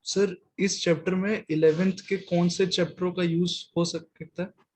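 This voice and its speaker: A man's voice: sits high, little pitch movement, unhurried, darkish tone. Male student asking in class. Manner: polite, addresses the teacher as sir. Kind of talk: question in class.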